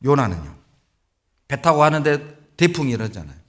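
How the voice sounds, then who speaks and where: A middle-aged male pastor preaching a sermon in a church, telling Bible stories with animated delivery. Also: mid-range voice, moderate pace. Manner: animated storytelling, acts out biblical voices. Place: church sanctuary.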